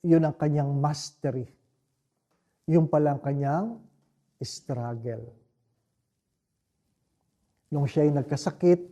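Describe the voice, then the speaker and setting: A man with a Filipino accent, a priest giving a homily, telling a story slowly and reflectively and often turning to the listeners with rhetorical questions. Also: on the high side, warm tone, highs cut off. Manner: slow, reflective storytelling with frequent rhetorical asides.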